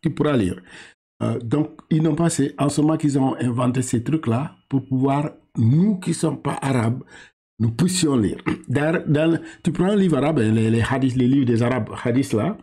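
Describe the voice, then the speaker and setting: A Senegalese man with a Senegalese French accent and a mellow, slightly rough, medium-pitched voice patiently teaches a Quran reading lesson. He draws syllables out slowly, repeating and correcting as he goes, with halting restarts.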